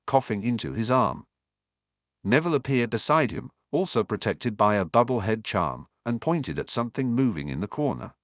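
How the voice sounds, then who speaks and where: A man narrating a fan fiction audiobook with expressive storytelling. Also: on the low side, no echo, clean studio sound.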